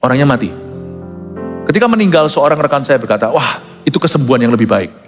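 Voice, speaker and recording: A male pastor preaching emphatically, mixing English phrases into his sermon and swinging from low asides to loud high peaks. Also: very animated, fast. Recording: long hall reverb with soft music behind.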